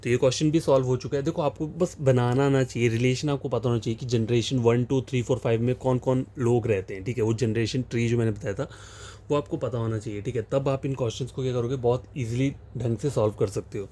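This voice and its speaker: Mellow-voiced male tutor. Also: mid-range voice, fairly even intonation. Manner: explanatory, repeats phrases and fillers, slow reading of question text. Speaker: reasoning teacher. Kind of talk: exam-prep lesson, solving questions on a board.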